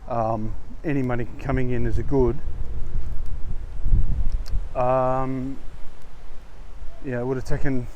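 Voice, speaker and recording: An Australian man vlogging casually in a halting, unhurried way while walking outdoors in strong wind, with wind on his lavalier mic. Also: medium pitch, little pitch movement, a little mellow, low-quality recording. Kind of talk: casual rambling vlog talk. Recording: wind on mic, gusty noise. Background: blustery wind.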